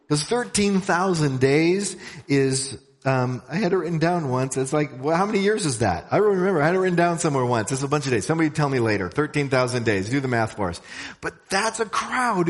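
A man from a missions organization telling a story to a church congregation in a conversational way, with asides to the audience. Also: medium pitch. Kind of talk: church talk. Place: church sanctuary. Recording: long hall reverb.

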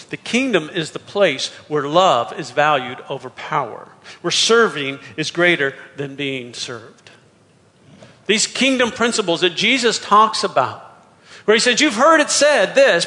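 Bright-voiced pastor in a reverberant hall. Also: male voice, on the high side. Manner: conversational, with frequent restarts. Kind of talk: sermon. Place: church sanctuary.

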